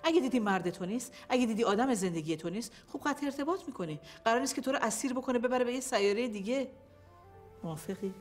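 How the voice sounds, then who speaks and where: A woman's voice: on the high side, expressive, faint music behind, lightly acted. An actress playing a middle-aged female psychologist who talks to her patient in a soothing, coaxing way. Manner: soothing, coaxing therapist talk. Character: middle-aged female therapist, sweet-talking but scheming. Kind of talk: film acting.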